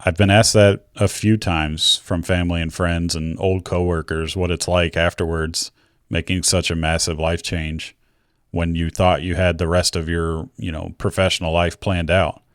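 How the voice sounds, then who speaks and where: A middle-aged American man from Georgia, a video creator, tells viewers his own personal story candidly and reflectively. His voice is low-pitched and flat at a moderate pace, in studio quality with no room sound.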